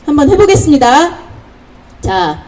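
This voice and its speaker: A woman emceeing a street protest outdoors, leading chants and explaining each slogan between the shouts. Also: high-pitched, sing-song, slight background noise, poor audio. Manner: shouts slogans, then gives brisk instructions. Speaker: rally emcee.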